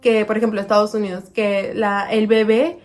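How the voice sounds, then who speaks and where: A woman chatting to viewers as a vlogging mother, slowing down to say words very clearly when she shows how she taught them. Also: medium pitch, little pitch movement, faint music behind. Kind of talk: casual storytelling to viewers.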